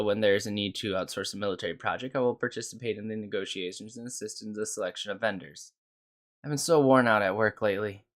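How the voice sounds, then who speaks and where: A man's voice: mid-range voice, natural voice. A man reading aloud the lines of a short-tempered young female technical consultant, snappish and complaining. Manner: snappish, complaining, then apologetic. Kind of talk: reading game dialogue aloud.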